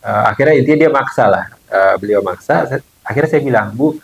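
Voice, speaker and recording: A man's voice: mid-range voice, animated, fast, vocal fry, poor audio. A man, a bone-setting therapist, casually telling viewers a story from his clinic, with lots of fillers and quoted dialogue.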